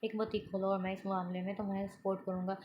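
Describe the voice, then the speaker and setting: Woman narrator doing a teasing, protective young husband-to-be, even and level, storybook reading. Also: medium pitch, fast, lo-fi sound, a little hiss or hum, lightly acted. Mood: affectionate.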